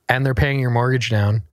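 A man's voice: mid-range voice, no room sound, studio quality. Brash emphatic man in his thirties. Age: 30s. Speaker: podcast host. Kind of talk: casual podcast chat.

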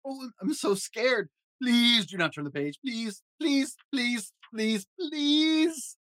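A man's voice: high-pitched, very animated, moderate pace, fairly bright tone, no echo, pitched above the performer's own voice. A man voicing a lovable, nervous furry monster who begs and frets in a storybook reading. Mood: pleading. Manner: fretful, begging, dramatic exclamations.

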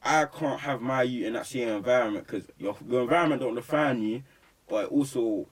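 A man's voice: medium pitch, fairly quick. A young man with a London roadman accent, talking emphatically and preachily in heavy street slang in a casual interview. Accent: London roadman, urban slang. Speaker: rapper being interviewed. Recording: slightly distant microphone.

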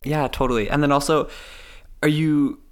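His voice a little high, smooth, and fairly even in intonation, this podcast host keeps a moderate pace while eagerly introducing and questioning his guest. The chat is enthusiastic, a bit rambling, and full of easy laughter.

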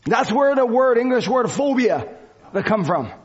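In non-native English, a man preaches a fervent church sermon at a moderate pace, his very high voice very animated. His exhortations are repetitive, shifting between shouts and quieter speech. The recording is lo-fi and dull.

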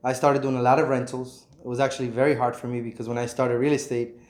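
A man's voice: medium pitch, little pitch movement, fast talker, darkish tone. A man in his thirties, a realtor guest in an empty apartment, talking frankly and earnestly with many "you know"s. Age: 30s. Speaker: realtor and property investor, guest. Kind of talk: casual interview. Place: vacant apartment unit indoors. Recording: echoey empty room.

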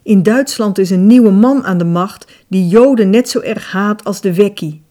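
A woman's voice: mid-range voice, moderate pace, mellow, lightly acted. A woman reading an audiobook voices an urgent, angry young man, the eldest son, with a raised, insistent voice. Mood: agitated.

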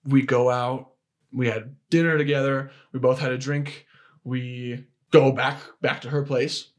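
Young man, podcast guest, casual storytelling, frequent restarts, filler words, average pitch. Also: level tone, a little slow. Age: young adult.

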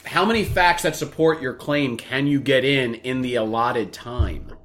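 A man's voice: mid-range voice, a little slow, fairly bright tone, a little hiss or hum. A young man hosting a casual podcast, telling long rambling stories full of vulgar jokes. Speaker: podcast host. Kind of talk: casual crude podcast banter.

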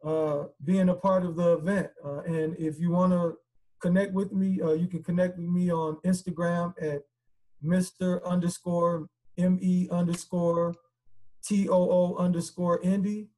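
A man's voice: high voice, flat delivery, unhurried, mellow. A man guest speaker on a podcast, talking earnestly and casually with many fillers and repeats. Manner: earnest, repetitive, conversational with filler words.

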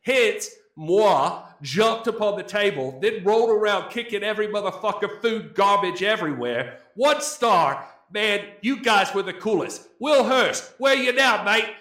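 A man voicing a rowdy, boastful British man with a put-on British accent, in a loud, boisterous reading. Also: high voice, expressive, a little slow, few pauses, voice pushed up, heavily acted. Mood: rowdy boasting. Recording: echoey room.

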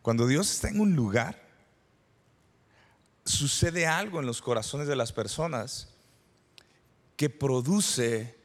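A man in his forties from El Salvador, preaching a sermon as pastor, conversational, with rhetorical questions and repeated phrases. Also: mid-range voice. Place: church sanctuary. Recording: reverberant church hall.

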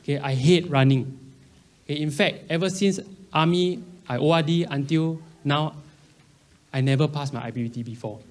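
A man's voice: a little high, moderate pace. A man in his early thirties with a Singaporean accent, giving a conversational sermon in colloquial Singlish, full of local particles and slang. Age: early 30s. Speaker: preacher.

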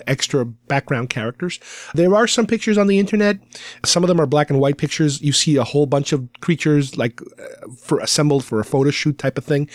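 A man's voice: fairly high pitch, dry recording. A man hosting a podcast with casual, rambling hobbyist commentary. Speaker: podcast host.

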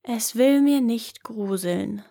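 A woman's voice: on the high side, takes it slowly, mellow. A woman voicing a fearless, cocky young man in a fairy tale, speaking boldly and offhandedly. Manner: bold, offhand and unimpressed.

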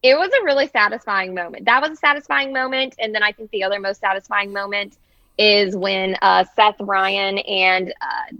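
A woman chatting on a casual podcast, candid and quick to laugh. Her mid-pitched voice comes through a slightly dull, muffled mic, dry with no room sound. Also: sharp tone, no room sound.

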